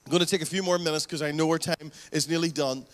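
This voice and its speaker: Fervent preacher, higher voice. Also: male voice, steady tone, fast talker. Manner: fervent, exhorting, rhetorical questions. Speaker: pastor. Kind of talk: sermon.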